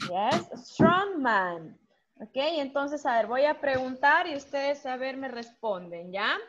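A woman teaching a primary school English class online, drilling vocabulary with slow, patient repetition. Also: high voice, lively intonation, a bit bright, muffled recording.

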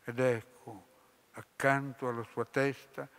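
A man lecturing on literature, reading a story aloud with measured, deliberate phrasing. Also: mid-range voice, flat delivery, fairly bright tone. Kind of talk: slow dramatic reading aloud. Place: lecture hall. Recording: long hall reverb.

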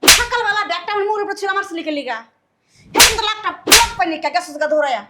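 An actress playing a scolding, sharp-tongued middle-aged mother in a family drama. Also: very high voice, expressive, fast, very noisy. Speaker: actor. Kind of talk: village family drama acting.

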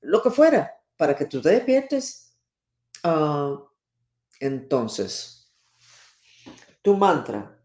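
A woman's voice: deep voice, sing-song, very slow, pauses often, darkish tone. A woman astrologer giving an emphatic, dramatic spoken horoscope reading and acting out each sign. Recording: roomy echo.

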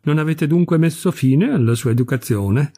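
Brief: man doing a mocking young gent, dark husky voice, storybook reading. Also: fairly high pitch, moderate pace. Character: young gentleman, mocking, impertinent.

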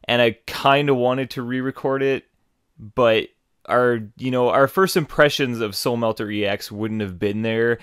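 A man's voice: mid-range voice, fairly even intonation, unhurried, clean tone, no room sound, clean studio sound. A man talking casually to his viewers in a rambling, apologetic manner as a gaming host. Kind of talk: casual unscripted announcement to viewers. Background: music.

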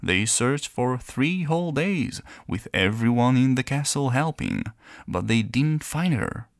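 A man reading a children's fairy tale aloud in a gentle, playful storyteller manner. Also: mid-range voice, lively intonation, unhurried, no echo, clean studio sound. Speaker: narrator.

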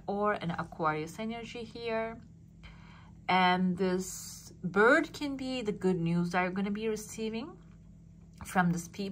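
A woman's voice: mid-range voice, fairly bright tone. Lady fortune teller doing a chatty reading, talks right to you, some background noise. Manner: fortune teller's direct address to the listener, often checking with "okay?". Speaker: fortune teller, channel host. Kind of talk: fortune teller giving a coffee cup reading, casual and conversational. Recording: clearly noisy background.

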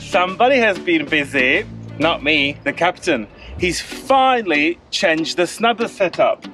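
Playful high-voiced man on a sailing vlog. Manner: playful, teasing, drawn-out jokes. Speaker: first mate on a sailboat. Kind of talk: casual vlog chat.

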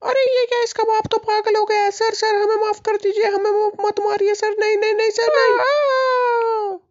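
A man voicing a shrill gangster who taunts and then begs for mercy in a gameplay story video. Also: flat delivery, brisk, a little mellow, lo-fi sound. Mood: begging.

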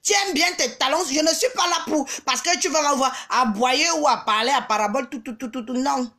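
A woman ranting on her vlog, taunting and mocking, with bursts of shouting and scornful laughter. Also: sits high, fairly quick. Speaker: vlogger. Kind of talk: angry social media rant.

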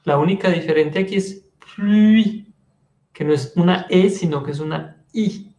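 A man with a Colombian accent teaching French in an online class, patiently explaining and slowly modeling the French sounds. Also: high voice, a little mellow, roomy sound.

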